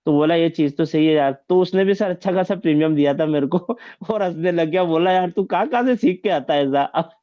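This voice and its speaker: Lively man telling sales stories. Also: on the high side, a little fast, hardly any pauses, dry recording, lo-fi sound. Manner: animated, acts out dialogue, laughs often. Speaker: insurance agent guest. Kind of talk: storytelling sales anecdotes.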